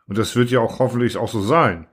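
A man's voice: mid-range voice, brisk, breathy edge, close to an everyday voice. A man reading the lines of a thoughtful young soldier who asks probing, earnest questions.

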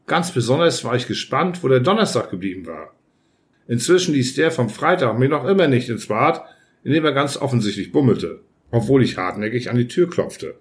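Male audiobook reader, measured delivery. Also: mid-range voice, animated. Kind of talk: first-person audiobook narration.

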